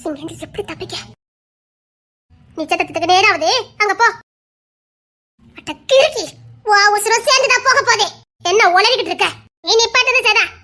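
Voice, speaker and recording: A woman with a very high voice performs a whole family drama alone. She shifts between frightened, pleading and stern characters, and her lines break into laughter and tears. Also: lively intonation, moderate pace, pauses often, bright, forceful tone. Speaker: storyteller voicing every character. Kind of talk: scripted Tamil family audio drama.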